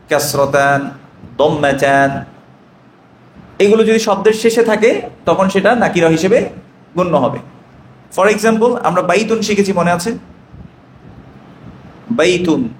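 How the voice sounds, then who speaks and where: A man's voice: high voice, echoey room, slight background noise. A man with a Bangladeshi Bengali accent teaching an Arabic grammar class, asking questions and answering them himself.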